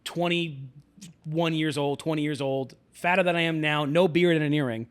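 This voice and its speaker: A man's voice: fairly high pitch, moderate pace, clear, resonant tone. A man hosting a podcast, talking casually and loosely with a lot of fillers and restarts. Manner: relaxed, chatty, many fillers and restarts. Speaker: podcast host. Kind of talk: casual conversation.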